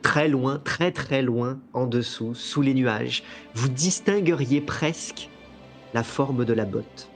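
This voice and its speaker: A man works as game master, telling a tabletop fantasy story. His voice is medium in pitch and theatrical, unfolding slowly and deliberately over soft music. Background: soft music bed.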